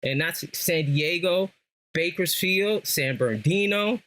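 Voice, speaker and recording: In a slightly high, expressive voice with a fairly bright tone, a lifelong Lakers fan from Los Angeles talks a little slowly as a podcast guest. He has an American accent, hails from Southern California, and tells casual stories full of slang, repeating phrases to emphasize them.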